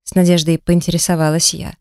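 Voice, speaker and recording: A woman narrates a first-person fantasy story in a wry, lively manner. Her voice sits on the lower side, and the recording is dry and close with no room sound. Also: fast, smooth, no room sound. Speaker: audiobook narrator.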